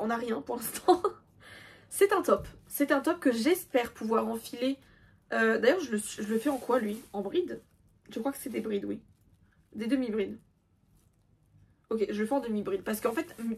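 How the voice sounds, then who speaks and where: A woman's voice: a little high, slight background noise. A young woman in casual chat, showing her crochet projects with self-mocking asides and many fillers. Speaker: crochet vlogger.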